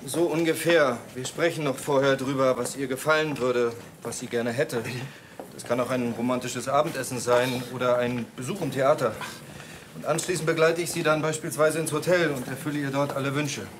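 An actor playing a smooth-talking male escort in a crime drama, calm and easy in manner. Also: mid-range voice, moderate pace, lightly acted. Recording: noisy TV soundtrack.

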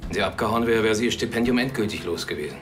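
A man's voice: lowish voice, expressive, very fast, over music, lightly acted. A man playing a protective father under questioning, defensive, terse and aggrieved.

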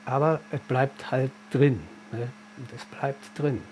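A man's voice: mid-range voice, fairly even intonation, slow, darkish tone, a little hiss or hum. A man speaking colloquially in a news interview, using lots of tag questions. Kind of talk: emotional interview.

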